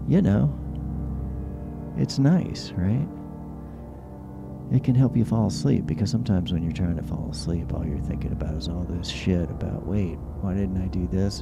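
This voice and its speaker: Male late-night stream host, gravelly, loose and conversational, whistling s, music underneath. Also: low-pitched. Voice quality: whistling s sounds. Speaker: host of a live-streamed call-in show. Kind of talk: casual late-night monologue. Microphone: close handheld or stand microphone. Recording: music behind the voice. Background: background music.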